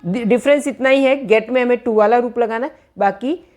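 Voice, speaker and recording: A woman in giving a grammar lecture, slowly repeating each example word by word. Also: on the high side, darkish tone. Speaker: English grammar teacher. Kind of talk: classroom-style lecture in Hindi.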